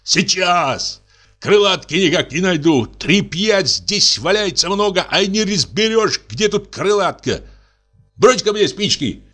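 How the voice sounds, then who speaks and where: A man reading an audiobook, voicing a fussy tipsy middle-aged man who pleads and whines in a high voice. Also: lively intonation, a little slow, a bit bright, faint music behind, heavily acted. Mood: whining. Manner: pleading, whining, high and coaxing.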